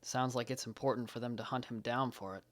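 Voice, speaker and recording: A man's voice: mid-range voice, steady tone, a little fast, lightly acted. A man playing a guilt-ridden young male Jedi who speaks earnestly and blames himself. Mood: weary. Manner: earnest, self-blaming, subdued.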